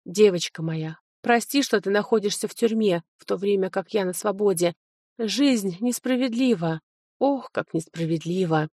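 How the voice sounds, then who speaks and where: Woman voicing a gentle old male doctor. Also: mid-range voice, normal speed, no echo, studio quality, close to an everyday voice. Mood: sorrowful. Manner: gentle, soothing, fatherly. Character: kindly old male mentor physician.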